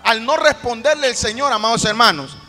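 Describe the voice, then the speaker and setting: Fervent pastor, high and bright, preaching in an echoing hall over faint music. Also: male voice, fairly quick. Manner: preaching with rising fervor, repeating phrases. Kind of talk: sermon. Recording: echoey hall with music behind.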